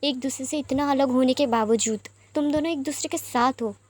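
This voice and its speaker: A woman voicing a gentle young man who earnestly reassures a friend. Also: sits high, a little fast, no echo.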